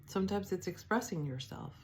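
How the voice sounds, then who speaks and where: A woman giving a spiritual teaching, speaking softly and reflectively, with pauses, fillers and restarts. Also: medium pitch, lively intonation, slight background noise. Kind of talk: devotional teaching talk.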